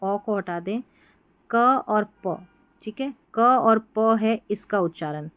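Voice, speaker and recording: A woman teaching English spelling and pronunciation, repeating each word slowly and quizzing the listener. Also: mid-range voice, lively intonation, clean tone, dry recording. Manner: repeats words and asks students to answer back.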